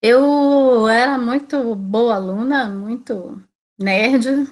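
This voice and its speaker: A slightly high-pitched woman talks very slowly. In her forties and from Salvador, Bahia, Brazil, she's a teacher giving a conversational online talk about her career, leaning on tag questions to check in with listeners.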